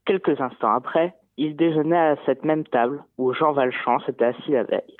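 A young pupil reads a passage aloud down the line, steady and well-articulated, taking his time. The sound is thin and tinny like a phone call, completely dry. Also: on the high side, normal speed, dry recording. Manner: careful, well-articulated reading. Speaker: pupil calling in. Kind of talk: reading a novel aloud.

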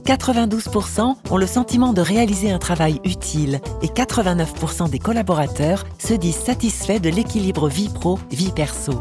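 A woman's voice: fairly low pitch, animated, fairly quick, hardly any pauses. A woman reading scripted narration as a podcast presenter. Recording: loud music under voice.

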